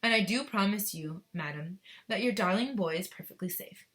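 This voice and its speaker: A woman's voice: medium pitch, lively intonation, normal speed, fairly bright tone, lightly acted. A woman voicing an eccentric, breezy male confectioner from a children's story, exclamatory and blithely reassuring. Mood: breezy, amused.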